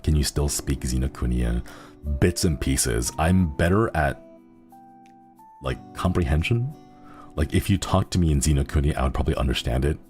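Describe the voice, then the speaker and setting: A man with a very deep, slightly mellow voice chats casually on a livestream at normal speed, reading viewer messages over faint music. He rambles in an easygoing way, giggling often, and his first language is Xenokuni, an in-fiction language.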